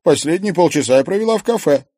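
A man voicing a plump, chatty young woman who works in a museum, speaking in a shrill, emphatic way. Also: expressive, quick pace, mellow, no room sound, studio quality.

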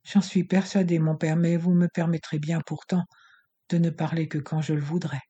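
A man's voice: fairly high pitch, little pitch movement, moderate pace, mellow, slightly rough, dull audio. A man voicing a proud, defiant young woman who answers coldly and firmly in an audiobook. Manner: cold, firm, contemptuous.

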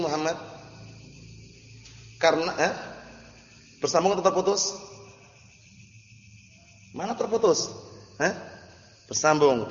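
A male Arabic teacher with an Indonesian accent, running a classroom lesson and drilling his students with repeated questions. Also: a little high. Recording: roomy muffled hall recording.

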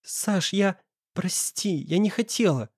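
A man voicing a hysterical, heartbroken young woman who stammers and pleads in a shrill, tearful voice. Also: normal speed, a little mellow, no echo, clean studio sound, natural voice. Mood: frightened.

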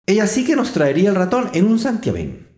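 A man's voice: high voice, huge pitch swings, a little fast, a little mellow, reverberant, voice pushed up. A man voicing an eager, polite young girl in a told fairy tale, with an earnest, pleading manner.

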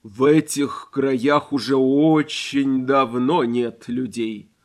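A man voicing a huge, lonely cat-dragon in an audiobook, speaking slowly and deeply, with a hollow boom as if from inside a barrel. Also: steady tone. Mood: solemn. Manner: slow, deep, drawn-out speech. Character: huge lone cat-dragon, slow, calm, solemn. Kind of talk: audiobook character voice.

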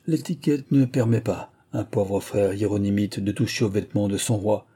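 A man's voice: lowish voice, fairly even intonation, normal speed, mellow, husky. A man reading aloud, voicing an old monk who refuses help with cold, formal politeness. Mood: coldly formal. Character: calm, vengeful old male monk.

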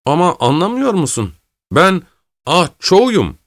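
A man's voice: on the high side, animated, moderate pace, pitched above the performer's own voice, lightly acted. A man doing an insistent pleading prisoner. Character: frightened Chinese male prisoner, insistent, pleading.

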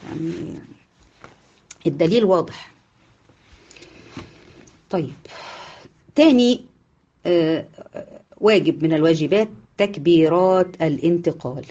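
A woman's voice: low voice, a little slow, long pauses, warm tone, highs cut off. A woman with an Egyptian Arabic accent teaching a class, asking her students questions and answering them herself, repeating the key points. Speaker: Islamic jurisprudence teacher. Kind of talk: online class lecture.

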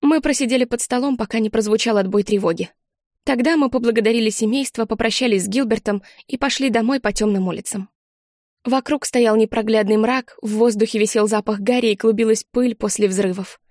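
A woman narrating a first-person story as an audiobook, measured and expressive. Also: a little high, no room sound, studio quality. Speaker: audiobook reader.

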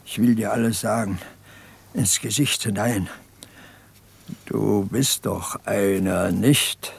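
Tormented partisan in an old radio play, gravelly rough voice, slow brooding confession. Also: male voice, fairly low pitch, fairly even intonation, full character voice. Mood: confessing. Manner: brooding, halting, pleading confession. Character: haunted, guilt-ridden male peasant partisan. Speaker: peasant partisan fighter. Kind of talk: 1950s radio drama acting.

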